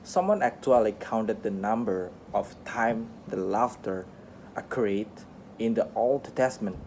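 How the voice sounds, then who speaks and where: A man reading an interview script aloud for listening practice, halting often, restarting words and slipping on phrases. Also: on the low side, expressive, darkish tone, a little hiss or hum. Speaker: English teacher reading a radio interview aloud.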